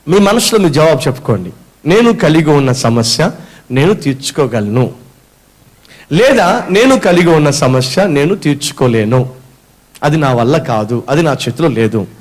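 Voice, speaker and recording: A male preacher with a high voice that swoops up and down as he works the room. He throws questions at the congregation, answers them himself and drops in English phrases along the way. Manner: acts out a whining complainer as an example. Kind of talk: sermon.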